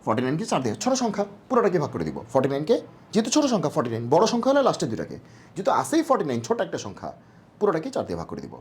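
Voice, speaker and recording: A math tutor gives a casual exam-prep lecture, asking and answering their own quick questions in a coaxing tone. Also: mid-range voice, huge pitch swings, breathy edge. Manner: casual, coaxing teacher talk.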